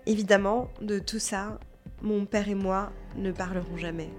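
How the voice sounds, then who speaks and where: A woman from Lebanon with a Parisian French accent reads a literary first-person narration in a measured, introspective manner. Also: medium pitch, steady tone, faint music behind. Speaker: narrator telling her own story.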